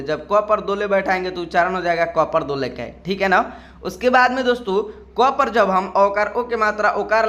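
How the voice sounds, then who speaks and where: A man with a fairly high voice teaches a step-by-step lesson. He keeps checking in with his listeners as he goes and draws each letter out slowly when he recites them. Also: fairly bright tone, dull audio. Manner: repeats "ठीक है ना" often; slow, drawn-out letter-by-letter recitation.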